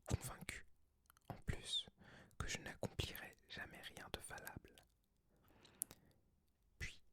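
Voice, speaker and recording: A person of unclear sex whispering softly and breathily, as in a library, in an ASMR book reading. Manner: soft, hushed library whisper. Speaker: ASMR creator reading aloud.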